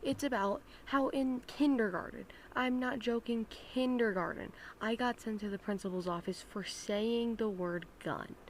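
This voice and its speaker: A woman's voice: fairly high pitch, unhurried, few pauses, slight background noise. A woman hosting her own channel, telling a rambling story time in a casual chat style and acting out the people she quotes. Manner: rambling, acts out quoted people in raised voices. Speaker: channel host.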